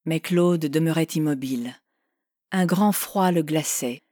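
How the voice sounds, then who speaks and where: A woman narrating a classic novel in a measured, expressive reading. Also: deep voice, no echo, clean studio sound. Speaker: audiobook narrator.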